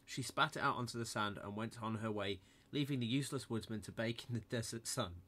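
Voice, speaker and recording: Male storyteller, very bright voice, playful comic bedtime tale narration. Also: medium pitch, brisk. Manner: mock-innocent storybook telling, playful.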